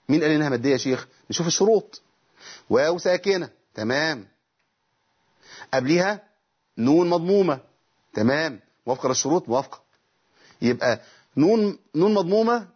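A man's voice: on the high side, slightly rough, lo-fi sound. A middle-aged man with an Egyptian accent teaching Quran recitation rules on a TV lesson. He asks himself questions and then answers them, breaking off to demonstrate recited verses. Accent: Egyptian Arabic.

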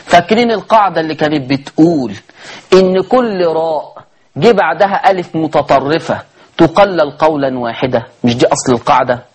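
A man with an Egyptian accent teaching a tajweed lesson on Quran recitation. He asks his listeners rhetorical questions and chants the verses slowly. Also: on the high side, animated, breathy edge. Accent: Egyptian Arabic.

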